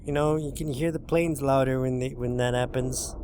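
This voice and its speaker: A man hosts a gaming playthrough, giving a dramatic reading of a visual novel while tossing in informal, jokey asides and occasional swearing. His mid-range voice is a little mellow with fairly even intonation at normal speed, and there's a little hiss or hum.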